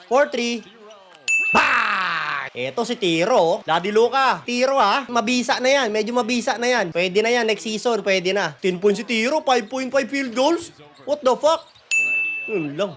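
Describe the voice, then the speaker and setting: A man, hoarse from the flu, excitedly reacting to a live basketball game and cursing at players. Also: high voice, a little slow, background noise. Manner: excitable, swears often, shouts at players.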